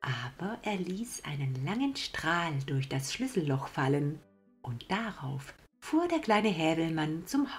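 A woman narrating a bedtime fairy tale in a warm, gentle, hushed storytelling manner. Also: deep voice.

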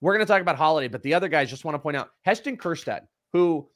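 A man chatting on a live fantasy baseball show as the prospect analyst, rattling off stats in quick conversational bursts. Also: on the high side, expressive, no room sound, studio quality.

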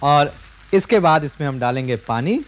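On a studio kitchen set, a TV cooking show host in his forties guides viewers through a recipe, patiently explaining every step and addressing the audience directly. His fairly high, expressive voice moves at a moderate pace and is captured close up by a clip-on mic.

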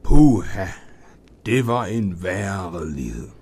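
A man's voice: deep voice, very animated, a little mellow, slight background noise, voice pushed down. A man voicing a fussy, worn-out old grandmother who chatters on in a flustered way.

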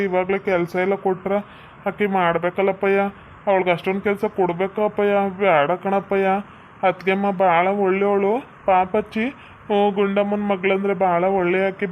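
A young village husband in a cartoon, voiced by a woman, coaxing gently in a North Karnataka accent. His voice stays flat and even. It sounds muffled, with a faint hiss underneath. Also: medium pitch, normal speed, lightly acted. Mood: protesting. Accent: North Karnataka Kannada. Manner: soothing, coaxing.

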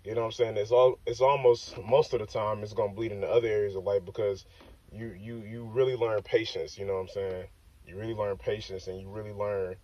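Talking to his dashboard phone in a parked car, a young fitness vlogger has a fairly low, warm voice. His casual, self-filmed chat wanders and keeps returning to "like I said" and "you know what I'm saying." The sound is dull and somewhat distant.

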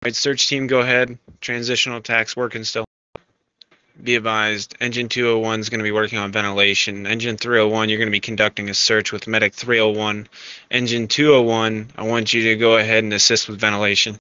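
Sharp, forceful man commanding over radio. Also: on the low side, level tone, a little fast, clear, resonant tone, no room sound. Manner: directive, procedural. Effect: two-way radio. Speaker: fire scene incident commander. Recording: dull lo-fi radio, faint static.

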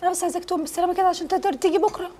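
A woman with an Egyptian Arabic accent playing an insistent bride-to-be who needles her fiancé quickly. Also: very high voice, steady tone, warm tone, a little hiss or hum. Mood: needling. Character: impatient bride-to-be, sharp and insistent.

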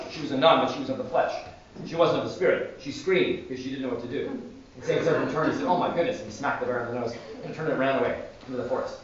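A male priest giving a sermon in a church, telling stories with animated energy. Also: medium pitch, slight background noise. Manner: animated storytelling. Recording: distant echoey church, dull sound.

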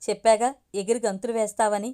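A woman's voice: medium pitch, little pitch movement, fast talker, warm tone, lightly acted. A woman voicing a teasing middle-aged father who jokes with his wife.

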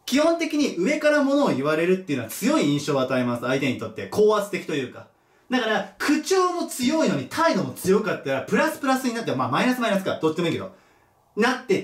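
A male teacher giving a casual lecture, thinking aloud and correcting himself as he goes. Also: high voice. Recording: echoey room, mic at a distance.

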